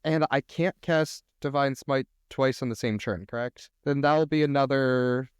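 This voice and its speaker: Smooth-voiced man calling dice numbers. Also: mid-range voice, measured pace, no room sound, clean studio sound. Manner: matter-of-fact, reads out dice numbers. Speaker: player. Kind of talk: casual tabletop play.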